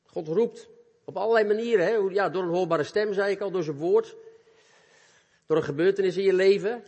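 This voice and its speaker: A man preaching a sermon in speech, earnest and animated, addressing young listeners directly. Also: sits high, fairly quick, slightly rough. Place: church hall. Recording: long reverb of a church hall.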